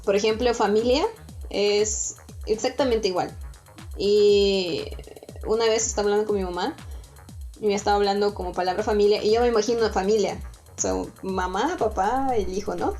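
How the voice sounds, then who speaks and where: A woman from Russia, a native Russian speaker, chatting as a podcast guest and telling lively stories with frequent laughs. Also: mid-range voice, moderate pace, soft background music. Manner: lively storytelling, laughs often. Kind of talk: casual chat.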